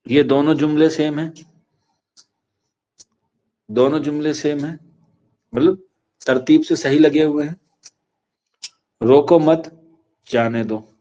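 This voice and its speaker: Male teacher repeating phrases slowly. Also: a little high, fairly even intonation, dark tone, highs cut off. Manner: asks the class questions then answers them. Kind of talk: exam-prep lecture.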